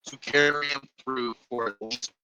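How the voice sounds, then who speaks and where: A man's voice: mid-range voice, fairly even intonation, moderate pace. A man in casual, profane chat, trailing off mid-sentence, heard over garbled, glitchy internet call audio while outdoors climbing a mountain. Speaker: guest on a stream.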